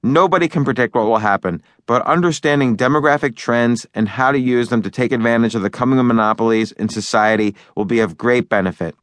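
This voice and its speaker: Reading his own book aloud, this male author talks at a slightly quick clip with few pauses, his medium-pitched voice fairly bright. The recording has no room sound, and his style is casual, full of fillers and restarts as he works over each point.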